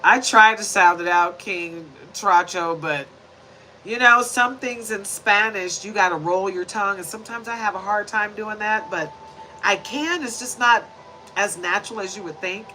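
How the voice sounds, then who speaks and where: Faint music sits under this poor-quality clip of a tarot reader in her forties, speaking at normal speed in a medium-pitched, pushed, bright voice. She's chatty and preachy, tossing in many tag questions, and shuffles and deals cards to camera as she goes.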